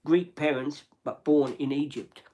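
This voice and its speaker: An Australian man hosts a livestream, chatting casually and bluntly with plenty of swearing. His voice is a little high and warm, a bit slow, and picked up by a phone or camera.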